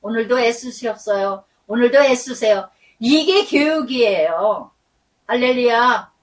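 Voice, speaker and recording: A middle-aged woman pastor preaching a sermon, telling stories in a lively way and acting out the voices she quotes, stretching words for emphasis. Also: fairly high pitch, far from the mic, low-quality recording.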